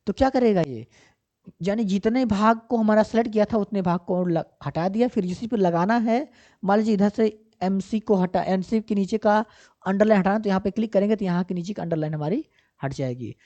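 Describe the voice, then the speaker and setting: Mellow-voiced woman computer teacher. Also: medium pitch, fairly quick. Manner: asks herself questions and answers them, checks often with 'ठीक ना'; repetitive, step-by-step explaining. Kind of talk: screen-recorded software tutorial. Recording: slightly dull lo-fi audio.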